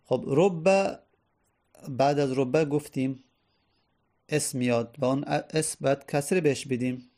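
Gravelly man teaching grammar patiently. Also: medium pitch, fairly even intonation, pauses often, dark tone. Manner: patient, repeats each point step by step. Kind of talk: classroom grammar lesson.

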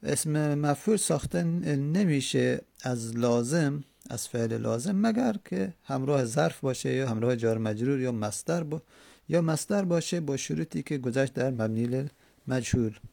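A man teaching Arabic grammar, reading a text and slowly repeating word forms aloud. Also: mid-range voice, lively intonation, vocal fry, dark tone, no room sound. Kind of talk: classroom lesson with text reading.

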